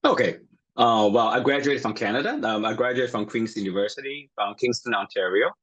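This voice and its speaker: Guest chiropractor, man from Taiwan, Chinese first language; husky, low-ish voice, friendly and halting, dry room. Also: animated, fairly bright tone, dry recording, dull audio. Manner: friendly, hesitant, with many fillers. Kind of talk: casual interview chat.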